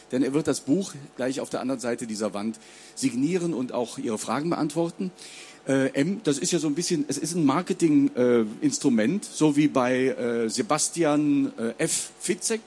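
A man's voice: on the high side, a little mellow, slight background noise. A man moderating a book reading, chattily introducing the author and asking the audience questions. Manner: chatty, addresses the audience, fillers. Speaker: event moderator.

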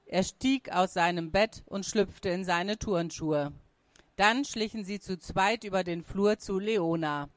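A woman reading a children's story aloud in a calm, steady voice. Her pitch sits in a medium range, and her delivery is even and measured. Scripted narration.

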